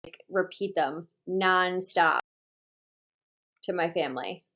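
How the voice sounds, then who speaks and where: This livestream host is a woman with a lowish, sharp-toned voice who takes things slowly. She rambles in casual chat, packing in plenty of "like".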